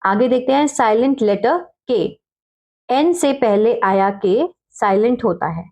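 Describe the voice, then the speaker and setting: A woman teaching English spelling slowly, spelling out letters one by one and repeating each word with frequent check-ins. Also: on the high side, darkish tone. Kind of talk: slow step-by-step spelling lesson.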